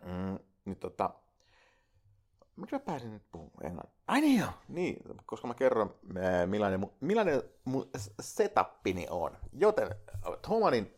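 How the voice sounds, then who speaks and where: A man's voice: on the low side, wildly swooping pitch. A man hosting his own podcast alone, rambling casually, swearing freely and talking straight to his listeners through a USB microphone. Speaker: podcast host. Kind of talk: casual solo podcast monologue. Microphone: USB microphone into a laptop.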